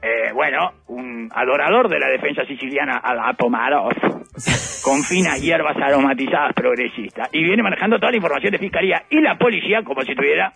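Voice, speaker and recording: A man's voice: a little high, fairly quick, vocal fry, fairly bright tone, soft background music. A man with a Uruguayan accent giving satirical political commentary on the radio, ironic and rambling with playful asides. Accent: Uruguayan Spanish. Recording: dull lo-fi radio audio.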